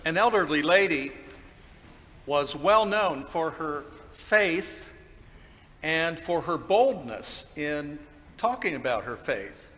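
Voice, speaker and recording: Slow, bright-voiced preacher in a reverberant church. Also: male voice, a little high. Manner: slow, deliberate storytelling. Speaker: pastor. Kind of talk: sermon.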